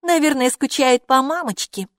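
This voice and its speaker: A woman voicing a bossy, sharp-tongued young girl in an audiobook who snaps and mocks. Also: sits high, moderate pace, no room sound, studio quality, pitched above the performer's own voice, lightly acted. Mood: mocking. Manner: snapping, mocking. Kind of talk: audiobook character voice.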